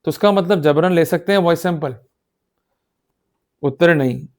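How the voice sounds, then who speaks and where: A law lecturer with a fairly high-pitched, slightly mellow voice speaks at a moderate pace. In an explanatory lecture combining Hindi and English legal terminology, he urges and emphasizes, often pausing to check that listeners keep up.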